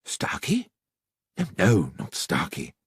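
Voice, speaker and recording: Man playing Doctor Watson, puzzled and lively. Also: low-pitched, takes it slowly, breathy edge, no room sound, studio quality, full character voice. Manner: polite, questioning. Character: puzzled, earnest gentleman doctor, loyal companion of the detective.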